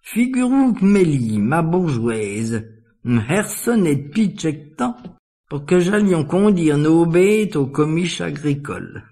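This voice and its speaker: A man's voice: a little high, sing-song, takes it slowly, dark tone. A man with a Norman patois accent telling a comic folk monologue in a rustic, wry peasant voice. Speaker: folk storyteller.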